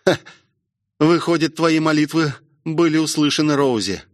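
A man voicing a strict, composed man who gives calm commands. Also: on the high side, normal speed, no echo, clean studio sound, close to an everyday voice. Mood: stern. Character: stern composed man, steadying a panicked driver.

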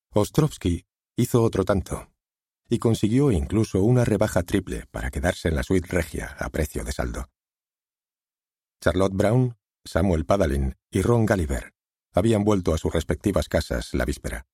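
A man reading an audiobook in measured scripted narration. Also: low-pitched, mellow, husky, dry recording, clean studio sound.

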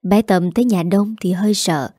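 A woman narrating a storybook in a steady, even way. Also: medium pitch, moderate pace, breathy edge, dry recording, clean studio sound.

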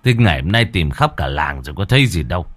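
A man voicing a gruff, irritable middle-aged village husband who scolds in curt sentences. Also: low voice, sing-song, fast talker, a bit bright, no echo, heavily acted. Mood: scolding.

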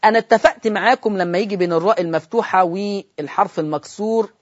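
An Egyptian man teaches Quran recitation in a broadcast lesson, asking rhetorical questions of his students. He slows right down to model each word. The audio sounds dull and slightly lo-fi. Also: sits high. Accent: Egyptian Arabic. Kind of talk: televised religious lesson.

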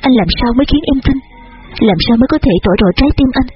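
A man reading an audiobook and voicing an anguished young man whose husky, choked voice pleads desperately, with dull audio and faint music behind. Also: extremely high pitch, rapid-fire, pitched above the performer's own voice, full character voice.

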